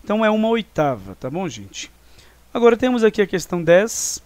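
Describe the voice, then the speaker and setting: A man's voice: sits high, very animated, brisk, a little mellow, no echo. A man teaching a recorded review lesson with a Brazilian Portuguese accent, explaining step by step and counting syllables aloud.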